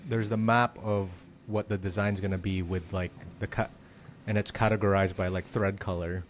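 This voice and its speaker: A man's voice: deep voice, level tone, normal speed, a little hiss or hum. A man hosting a podcast, chatting casually and asking curious questions. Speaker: podcast host.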